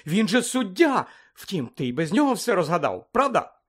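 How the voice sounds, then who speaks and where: A man's voice: high voice, big pitch swings, moderate pace, slightly rough, pitched above the performer's own voice, heavily acted. A man reading aloud voicing a clever, bossy teenage schoolgirl who lectures her friends. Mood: earnest. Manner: earnest, lecturing. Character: fussy clever teenage girl student, bossy.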